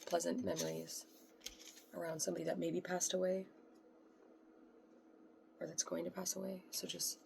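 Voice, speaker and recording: A woman with a heavily gravelly, fry-laden voice, pitched low and held fairly flat. She talks softly and loosely in a casual astrology reading, rambling from thought to thought and dropping into blunt, profane asides. Faint room ambience sits behind her. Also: a little hiss or hum. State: voice quiet today. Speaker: astrology reader. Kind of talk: casual tarot-style astrology talk.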